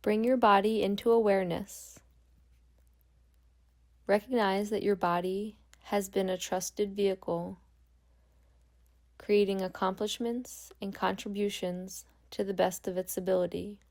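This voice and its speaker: With a mid-range voice, a woman guides a yoga nidra meditation, her tone gentle and calm. Long pauses stretch between her words.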